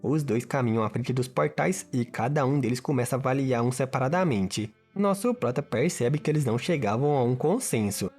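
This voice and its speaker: A man's voice: mid-range voice, animated, fairly quick, hardly any pauses, darkish tone, slightly rough, faint music behind. A man giving a casual, colloquial retelling of a manhua story. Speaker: recap narrator. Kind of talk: casual story recap narration.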